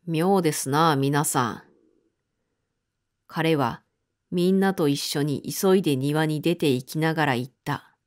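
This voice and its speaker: A woman narrating a mystery novel aloud in a calm, measured audiobook reading. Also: sits low.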